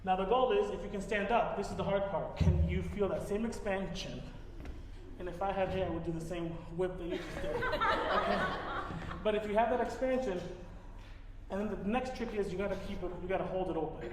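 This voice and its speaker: A man's voice: sits high, brisk, a little mellow, a little hiss or hum. A man teaching a voice master class, coaching a singer with encouraging, demonstrative directions. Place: recital hall, live audience setting. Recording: echoey hall with faint music.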